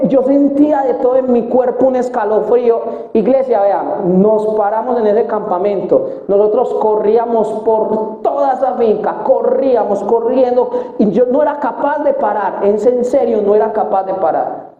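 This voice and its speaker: A man's voice: very high voice, normal speed. A young man preaching and telling his testimony with feeling, speaking straight to the congregation. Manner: emotional storytelling, addressing the congregation directly. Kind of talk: sermon testimony. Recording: echoey, tinny phone-like sound.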